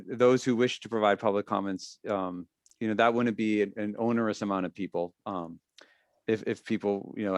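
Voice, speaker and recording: A man with a fairly low voice leads a public meeting discussion. He explains in a halting, repetitive way, and the sound is very dry and close. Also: clear, resonant tone, dry recording. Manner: halting, repeats phrases, explanatory. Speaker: meeting leader, school official.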